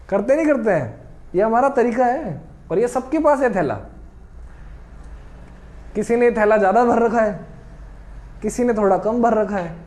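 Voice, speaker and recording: High-voiced lively male teacher. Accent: Hindi-speaking North Indian. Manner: lively, asks rhetorical questions and acts out students' excuses. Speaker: nursing exam teacher. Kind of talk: motivational classroom talk.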